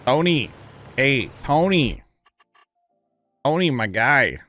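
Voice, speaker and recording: A man's voice: medium pitch, takes it slowly, dry recording, soft background music. A man on a livestream, talking casually into a headset mic while he plays a farming game and greets his chat. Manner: greets chat viewers casually, relaxed and chatty.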